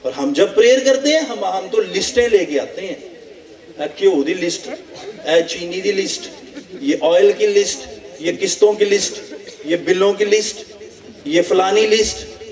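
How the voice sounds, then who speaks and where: A male pastor from Pakistan preaching a sermon, animated and repetitive, full of rhetorical questions. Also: sits high. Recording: echoey hall from a distance.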